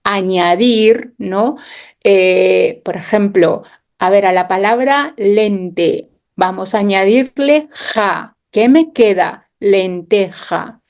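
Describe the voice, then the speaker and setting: A woman education specialist, interviewed on the radio, speaks at a medium pitch and a slow pace. She patiently works through classroom examples, sounding words out and ending points with small questions.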